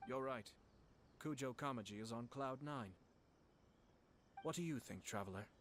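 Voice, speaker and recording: An actor playing a refined, courteous young nobleman in a video game, speaking formally and with measured composure. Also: medium pitch, fairly bright tone, slight background noise, natural voice. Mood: calm, reflective.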